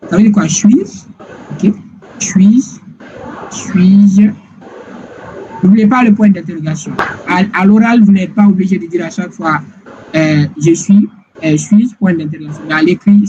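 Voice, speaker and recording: A man teaching English grammar in a slow, repetitive classroom style, often checking whether listeners follow. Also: high voice, darkish tone. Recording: dull lo-fi sound with clear background noise.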